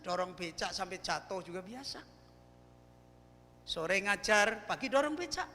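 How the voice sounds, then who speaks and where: An older man preaching a sermon, telling personal stories in an animated way and acting out the dialogue. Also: sits high. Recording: echoey hall with faint hum.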